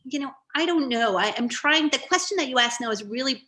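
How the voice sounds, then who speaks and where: Brief: middle-aged woman artist on a video call, bright tone, meandering and hesitant. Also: high-pitched, animated, fairly quick. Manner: rambling, hesitant, many fillers. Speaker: guest artist. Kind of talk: online artist talk Q&A.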